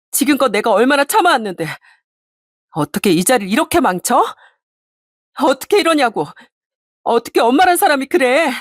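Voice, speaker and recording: A woman's voice: fairly high pitch, dry recording, clean studio sound. A woman doing a sobbing young bride. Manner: pleading, tearful outbursts. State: crying.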